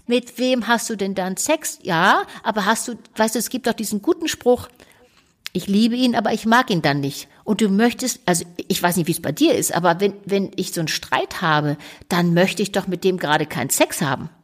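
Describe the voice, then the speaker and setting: A woman co-hosting a conversational talk show as a relationship expert, talking in a lively, animated way and acting out quoted voices. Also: medium pitch, brisk. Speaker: podcast co-host, relationship expert.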